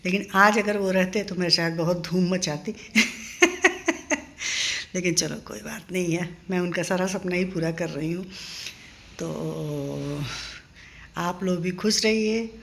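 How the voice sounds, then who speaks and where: A woman's voice: on the low side, fairly even intonation, measured pace, vocal fry, slight background noise. An older woman chatting in a casual home vlog, reminiscing and encouraging her viewers. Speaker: vlogger. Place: home in a paying-guest house.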